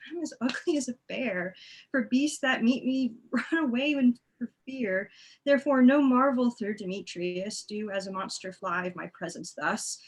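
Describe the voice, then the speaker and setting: A lovesick young woman, read by a woman, pleading and mocking herself by turns. Her voice sits high throughout this amateur Shakespeare read-through. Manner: pleading, self-mocking, breaks into laughs. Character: forlorn young woman Helena, lovesick and wounded.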